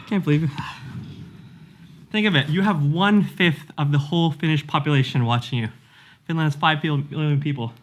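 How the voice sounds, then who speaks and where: A man, out of breath, excitedly reading a plaque aloud and marveling. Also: a little high, fairly quick, long pauses.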